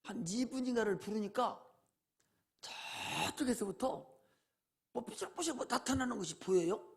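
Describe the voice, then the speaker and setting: A man's voice: very high-pitched, normal speed, gravelly. A male pastor preaching a sermon in a folksy way, often asking rhetorical questions.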